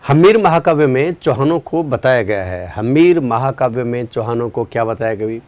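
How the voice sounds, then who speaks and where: This medium-pitched man is teaching a live online class for exam preparation. He explains calmly and without rushing, tests students with questions and answers what they type in the chat, sounding worn out at the end of a long day.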